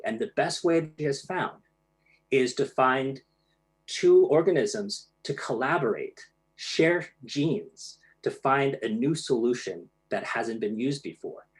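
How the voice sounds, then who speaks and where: A man giving a presentation, explaining ideas plainly with casual fillers and restarts. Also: mid-range voice. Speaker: speaker giving a talk. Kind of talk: presentation to an online audience.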